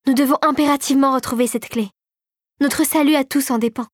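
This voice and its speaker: An eager, determined young girl in a storybook, as a woman reader puts her on, pitched clearly higher than the narration and pressing with bright urgency. The recording is dry and close, with no room sound. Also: fairly even intonation, fast talker, no echo, lightly acted. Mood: urgent.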